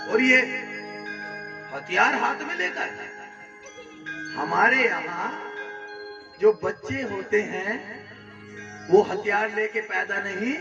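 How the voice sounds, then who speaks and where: A man telling a devotional story at a village religious gathering, with lively acted-out dialogue. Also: sits high, creaky. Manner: animated storytelling, acting out dialogue. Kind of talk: devotional katha sermon. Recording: echoey, distant, dull sound with music.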